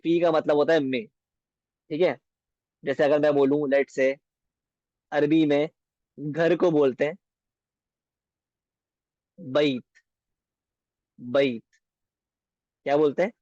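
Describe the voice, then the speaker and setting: A man teaching beginner Arabic in a patient lesson, repeating words slowly and often asking if it is clear. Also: on the high side, steady tone, mellow, dry recording, lo-fi sound.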